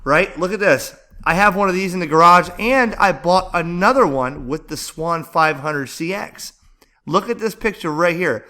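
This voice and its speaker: An amateur radio vlogger and host rambles through casual, enthusiastic commentary, browsing and narrating as he thinks aloud. His voice is bright and forceful, pitched slightly high, and he talks at a normal speed.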